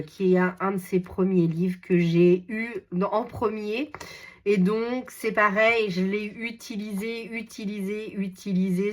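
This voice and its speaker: A middle-aged woman hosting a craft channel, chatting casually and enthusiastically with many fillers, her voice slightly hoarse. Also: fairly low pitch. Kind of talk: casual chat showing books.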